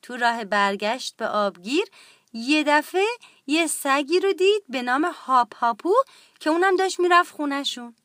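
A woman narrating a children's storybook in a gentle, expressive read-aloud way. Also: high-pitched, dry recording, clean studio sound.

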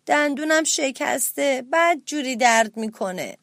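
A small, high-pitched cartoon mouse, put on by a woman narrator, whining and moaning because his tooth hurts. He squeaks his complaints slowly. It comes through a dry, close recording. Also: expressive, a bit bright, no room sound. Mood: whimpering. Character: little male mouse, a forest dentist in pain.

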